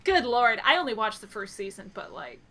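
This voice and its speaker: Bright-sounding woman chatting on a podcast, rambly theories, lots of likes. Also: a little high, lively intonation, brisk. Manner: thinks aloud, theorizing with many "like" fillers. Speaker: podcast co-host. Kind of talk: casual chat about a TV episode.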